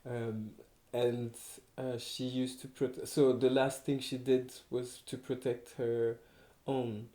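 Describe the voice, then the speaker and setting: Speaking slowly in a dark, mid-range voice with little pitch movement, this young man from Paris talks casually in a French accent. He's a textile artist guest who hesitates, restarts and laughs often. The setting is a small farmhouse room indoors, and the recording sounds echoey.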